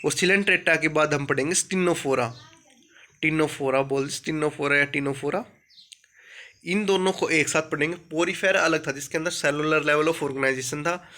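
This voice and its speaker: A man teaching an exam-prep biology lesson, asking questions and answering them himself, reading English lines slowly and explaining them in Hindi. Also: on the high side, pushed and bright.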